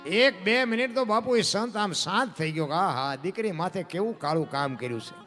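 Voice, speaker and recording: A man's voice: high-pitched, fairly quick, soft background music. A man telling a devotional folk story, swinging his voice up and down from line to line. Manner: animated, rises and falls sharply between lines. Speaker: dayro storyteller.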